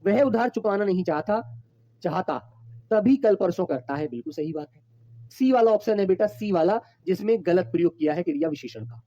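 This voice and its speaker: A man's voice: high voice, expressive, a little fast, mellow, lo-fi sound. A man teaching a Hindi exam-prep class online, calling his students his children and repeating each point patiently.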